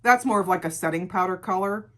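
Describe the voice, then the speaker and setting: A middle-aged woman with a gravelly voice, chatting casually through a beauty product review and repeating words for emphasis. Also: mid-range voice, brisk, fairly bright tone. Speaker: beauty vlogger.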